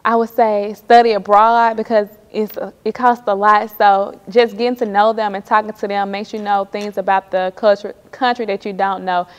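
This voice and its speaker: A woman's voice: medium pitch, level tone, normal speed, few pauses, smooth, highs cut off. Woman interviewee, earnest and chatty; echoey room. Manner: earnest, loosely phrased with fillers. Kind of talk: casual interview answers. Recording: echoey room with long reverb.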